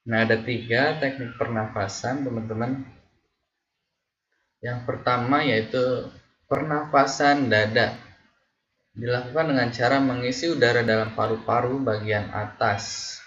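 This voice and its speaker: Slow-talking male music teacher. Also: mid-range voice, steady tone, a bit bright, muffled recording. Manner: slow, patient explaining, sings short examples, many fillers. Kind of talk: casual online singing lesson.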